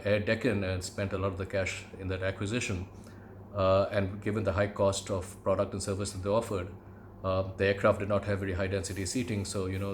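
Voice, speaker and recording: A middle-aged man from India with an educated Indian English accent, reminiscing in a conversational monologue with measured, hesitant phrasing. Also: lowish voice, a little hiss or hum. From Calcutta, India. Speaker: podcast host, aviation commentator.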